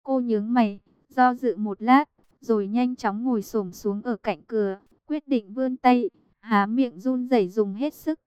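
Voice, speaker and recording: A woman reading a romance novel aloud as an audiobook narrator, in an even, measured way, keeping her own voice for the quoted lines. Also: on the high side, clear, resonant tone, no room sound.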